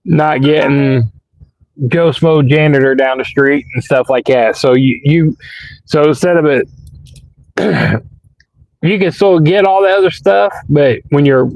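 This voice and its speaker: A man with a sore, hoarse voice, rambling casually as he chats with viewers on a live stream. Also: a little high, a little slow, darkish tone, no echo, poor audio. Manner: rambling, colloquial, answers chat comments. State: hoarse, sick with sore throat.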